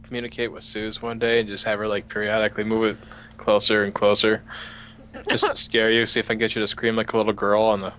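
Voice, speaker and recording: A man's voice: fairly low pitch, monotone, fast talker, a bit bright, slight background noise. A man co-hosting a gaming podcast, joking and teasing his friends in casual chat. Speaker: podcast co-host.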